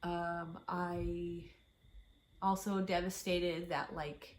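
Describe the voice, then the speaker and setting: A middle-aged woman chatting casually and from the heart as a vlogging mother, halting and emotional as she shares her feelings. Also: on the low side, level tone. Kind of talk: casual, heartfelt vlog chat.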